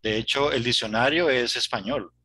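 Male Latin American Spanish teacher on a video call, bright tone, keeps asking "¿no?". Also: medium pitch, moderate pace, a little hiss or hum. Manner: tags sentences with "¿no?". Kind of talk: online class conversation.

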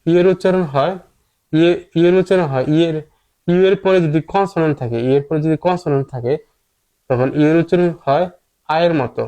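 A man's voice: on the high side, a little fast, mellow. A man teaching English pronunciation in a patient, explanatory way, repeating each point several times. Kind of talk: explanatory lesson with repetition.

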